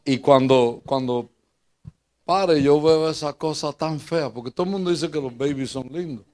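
An older man with a Puerto Rican accent, preaching in a church as pastor and telling funny personal stories, jumping between loud bursts and quiet asides. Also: normal speed. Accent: Puerto Rican Spanish. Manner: lively, joking storyteller who swings between loud bursts and low asides.

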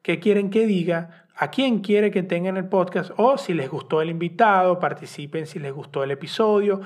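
A man's voice: high-pitched, normal speed. A man in his thirties with a Venezuelan accent, hosting a podcast and talking candidly and earnestly straight to his listeners. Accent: Venezuelan Spanish. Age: 30s. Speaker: podcast host. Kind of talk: personal podcast monologue.

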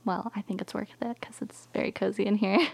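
A woman hosting a casual podcast in a small home studio, chatty, with frequent ums and quick laughs. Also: mid-range voice, steady tone, gravelly. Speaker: podcast host.

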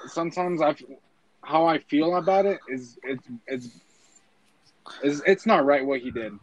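A young man from a Mexican family chats casually and rambles, packing his talk with fillers and plenty of "bro" and "dude." His voice is on the high side and a little slow, with a lo-fi sound.

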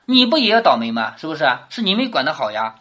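A woman's voice: low-pitched, fast talker. A woman teacher lecturing on a classic novel, often checking in with rhetorical questions. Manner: lively, keeps asking rhetorical questions. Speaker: literature teacher.

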